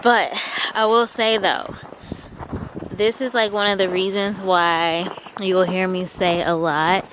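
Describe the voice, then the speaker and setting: A woman's voice: fairly low pitch, background noise. A woman homesteader chatting casually in a vlog, out of breath and rambling with lots of filler words as she talks outdoors on her farm in the cold. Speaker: homesteader vlogger.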